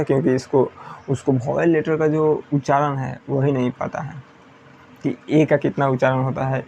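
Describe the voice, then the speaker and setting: A man teaches English pronunciation in classroom style, repeating points and asking students questions that he then answers himself. His medium-pitched voice has vocal fry and a dark tone, with a little hiss or hum in the recording.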